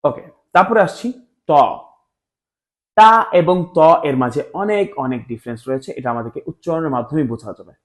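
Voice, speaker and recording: A man teaching Arabic letter pronunciation in a lesson, repeating each letter slowly and mixing in English words. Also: on the high side. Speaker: Quran teacher.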